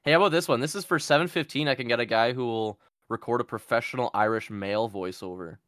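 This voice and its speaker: A man hosting a podcast in casual chat, joking around and reading things aloud with quick asides. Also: medium pitch, fairly bright tone, dry recording, clean studio sound. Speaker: podcast host.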